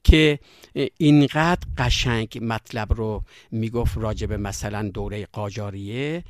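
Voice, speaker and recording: A man from Yazd with a Yazdi accent, a storyteller who recalls his past in an interview in a reflective way with filler pauses. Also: on the low side, dry recording, studio quality. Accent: Yazdi Persian. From Yazd, Iran. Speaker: storyteller guest. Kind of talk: interview conversation.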